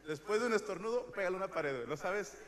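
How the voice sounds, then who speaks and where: A Mexican man in his thirties doing a stand-up comedy monologue, telling crude, slangy stories and shouting some bits. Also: sits high, animated, fast. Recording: live show with loud audience noise.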